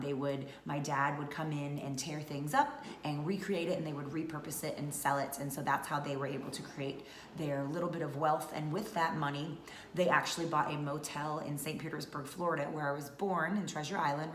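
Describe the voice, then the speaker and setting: A woman in her thirties from North Georgia, chatting casually to camera as a vlogger with many fillers. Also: low voice. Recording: echoey room with faint noise.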